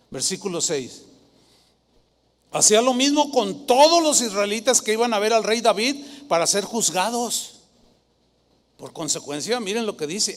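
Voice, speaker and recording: A man preaching a Sunday sermon as pastor, dramatic, with sugary impressions of flatterers. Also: high-pitched, big-room sound.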